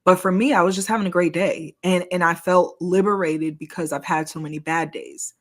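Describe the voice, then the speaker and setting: A woman co-hosting a podcast, in a lower voice than most, telling a personal story in easy conversation. Her delivery is animated, with a steady stream of "like" and laughs at her own past self. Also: brisk. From United States. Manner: animated storyteller, heavy use of "like", laughs at herself. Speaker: podcast co-host. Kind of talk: casual storytelling chat.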